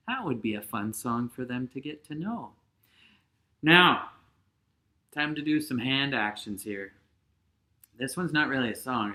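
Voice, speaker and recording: Bright-voiced kindergarten teacher man. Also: mid-range voice. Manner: gentle, encouraging, sings along with guitar. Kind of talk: singalong lesson for young children.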